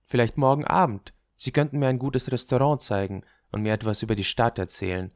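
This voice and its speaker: A man reading an audiobook who voices a pert, impatient young woman in a quick, emphatic manner. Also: mid-range voice, steady tone, close to an everyday voice. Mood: chirpy, pushy. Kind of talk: audiobook character voice.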